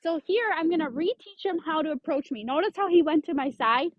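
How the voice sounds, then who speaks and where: A woman's voice: high voice, lively intonation, fairly quick, no echo, dull audio. A woman dog trainer explaining leash handling step by step, giving firm short commands to a dog. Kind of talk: instructional demonstration.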